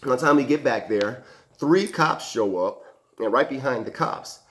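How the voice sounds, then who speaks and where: A firefighter recounting an emergency call as a casual anecdote, acting out the people involved with lively quoted voices. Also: male voice, medium pitch, moderate pace, slight background noise. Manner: animated, acts out quoted voices and sound effects.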